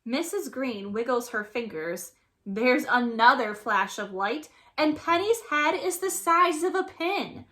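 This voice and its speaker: Lady reading a kids book out loud, bright voice, slow and super animated, dramatic. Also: high voice. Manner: expressive, dramatic. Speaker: storybook reader, teacher. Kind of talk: theatrical children's read-aloud narration.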